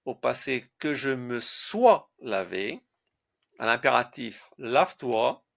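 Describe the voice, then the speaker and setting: A man teaching a French conjugation lesson, slowly reciting verb forms and spelling out their endings letter by letter. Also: mid-range voice, sing-song, vocal fry. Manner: slow, deliberate, spells out word endings letter by letter.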